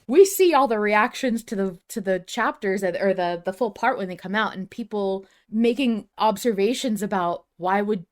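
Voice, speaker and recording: Speaking at a moderate pace with few pauses, this podcast host has a medium-pitched voice. She chats casually about an audio drama she follows as a fan, pouring out earnest, emphatic, run-on thoughts.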